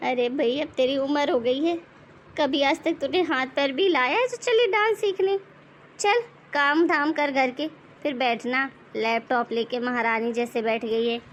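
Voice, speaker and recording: A woman's voice: sits high, a little slow, slight background noise. A woman playing a bossy mother-in-law, taunting. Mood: mocking. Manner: taunting, commanding, sarcastic. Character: bossy middle-aged mother-in-law, scolding and mocking. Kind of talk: animated moral story voice acting.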